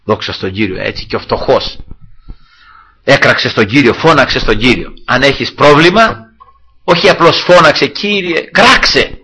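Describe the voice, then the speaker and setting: A man's voice: mid-range voice, animated, sharp tone, breathy edge, low-quality recording. A male preacher giving a sermon, who retells scripture dramatically and keeps addressing his listeners as brothers.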